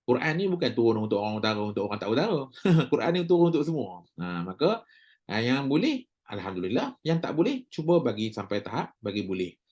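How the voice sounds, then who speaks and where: In this casual recorded class, a male teacher with a Malaysian Malay accent jokes around and elongates sounds so students can copy them. His mid-range voice is sing-song and a little mellow, and he talks fast.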